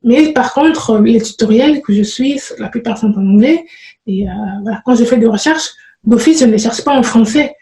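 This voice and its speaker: Hesitant woman with a mellow voice. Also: a little high, normal speed, roomy sound, low-quality recording. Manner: hesitant, many fillers and restarts. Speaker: programming vlogger. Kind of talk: casual spoken advice to viewers.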